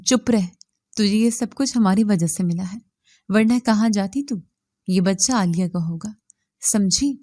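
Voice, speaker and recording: A woman's voice: medium pitch, dark tone, natural voice. A woman reading the lines of a domineering, scheming older mother-in-law in a storybook tale, spoken in a harsh, commanding manner.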